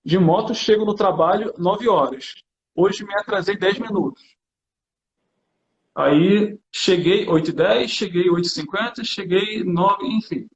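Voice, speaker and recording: A man's voice: sits high, a little slow, echoey room, dull audio. A man from Brazil, a teacher, chatting casually and animatedly while demonstrating classroom materials, often adding "né". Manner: animated, hands-on, chatty with fillers like "né". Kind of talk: casual conversation.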